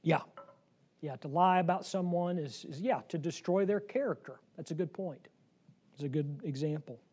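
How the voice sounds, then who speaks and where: A man leading a Bible study class in a room, lively and joking, often laughing as he explains proverbs. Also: fairly high pitch, moderate pace, breathy edge. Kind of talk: interactive Bible lesson.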